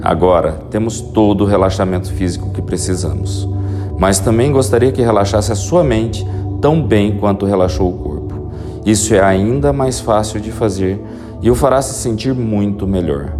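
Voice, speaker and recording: A man leads a guided hypnosis relaxation with slow, soothing instructions, like a sleep story narrator. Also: lowish voice. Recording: music behind the voice. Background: prominent music.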